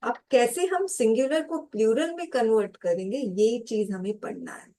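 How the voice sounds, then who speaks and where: A woman's voice: fairly high pitch, moderate pace, warm tone. A woman teaching English grammar in a lesson. She explains step by step, calls her viewers students, and answers her own questions.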